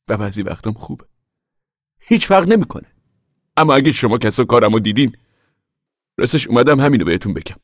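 A man's voice: medium pitch, dry recording, clean studio sound, voice pushed up, natural voice. A man voicing a lonely, wistful middle-aged man who stays behind on the land.

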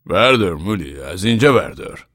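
A man's voice: low voice, big pitch swings, fairly bright tone, no echo, clean studio sound, voice pushed up, exaggerated voice. A man voicing an urgent, insistent father of a farming family about to move away.

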